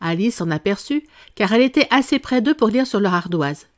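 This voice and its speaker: A woman narrating a classic children's story as an audiobook, in a measured and expressive way. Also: mid-range voice. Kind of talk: scripted narration.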